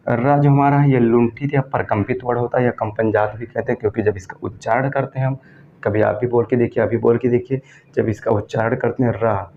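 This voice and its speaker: A man teaching an exam-prep grammar lesson, asking questions and answering them himself and repeating key terms. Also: mid-range voice. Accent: Hindi, from northern India. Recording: dull lo-fi recording with faint background noise.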